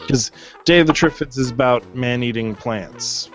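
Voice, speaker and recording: Over music in a lo-fi recording, a man hosting a casual movie chat tells a long, rambling story, leaning heavily on "like" as a filler. His pitch is medium and his speed normal.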